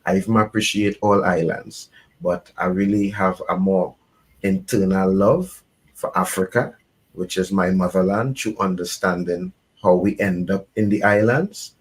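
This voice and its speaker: A man from Trinidad and Tobago, a reggae artist and guest, speaking at length in a measured, earnest way. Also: deep voice. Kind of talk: reflective conversation.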